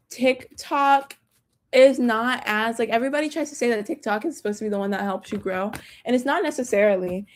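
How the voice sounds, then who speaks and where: Casual young woman with a hint of Southern accent, chatting to viewers through a phone or laptop mic. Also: on the high side. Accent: slight Southern. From Texas. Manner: chatty, slangy, addresses viewers directly. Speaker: tarot reader livestreaming. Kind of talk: casual livestream chat.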